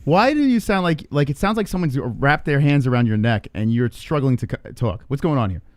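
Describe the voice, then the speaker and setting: A man's voice: mid-range voice, animated, brisk, no echo. A man hosting a call-in talk show, chatting casually and bluntly.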